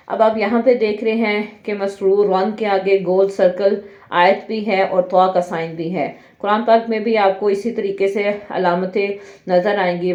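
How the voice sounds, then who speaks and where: A woman teaching Quran reading. She spells out each letter and vowel mark slowly, then blends them into the whole word. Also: mid-range voice, darkish tone. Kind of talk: slow syllable-by-syllable drill with spoken explanations. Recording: muffled, echoey room.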